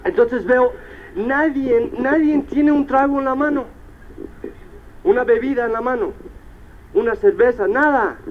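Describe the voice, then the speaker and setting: A man's voice: extremely high pitch, measured pace, long pauses. A man giving a motivational seminar talk, telling stories with animation and slipping into English. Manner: animated storyteller, slips into English. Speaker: motivational speaker. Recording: dull old cassette tape.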